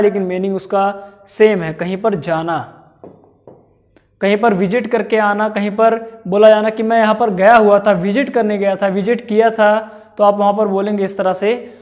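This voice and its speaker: A man giving a spoken-English lesson who repeats himself and slowly draws out each example phrase. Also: high-pitched. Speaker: English teacher.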